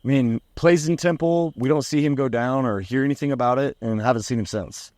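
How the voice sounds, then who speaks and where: A man's voice: mid-range voice, brisk, a little mellow, no room sound. Man, medium voice, podcast co-host, loose speculative chat, dry recording. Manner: speculative, uses lots of "like". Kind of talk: casual sports chat.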